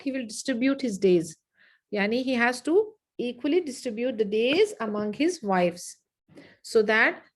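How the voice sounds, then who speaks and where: A woman leads an online lesson, speaking in a somewhat high voice. She dictates slowly and repeats phrases so her students can take notes. The sound comes through a video call. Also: poor audio. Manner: slow, repetitive dictation with frequent "okay". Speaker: Islamic studies teacher.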